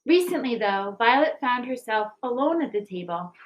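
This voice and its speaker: A higher-voiced woman on the school staff reads a storybook to children at a moderate pace, her pitch swinging widely, and also presents a recipe book project as a school announcement. The recording is muffled.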